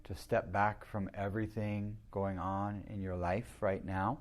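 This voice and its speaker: This man's voice is on the low side, and his delivery is flat as he leads a guided meditation. He speaks soothingly and slowly, letting long pauses fall between his words the way a teacher would.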